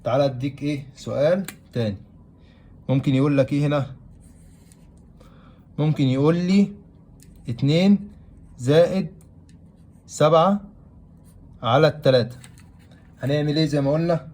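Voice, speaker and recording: A man's voice: a little high, normal speed, pauses often, warm tone. A man with an Egyptian Arabic accent teaching a math lesson, who keeps asking questions aloud and answering them himself. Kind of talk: classroom-style math lesson.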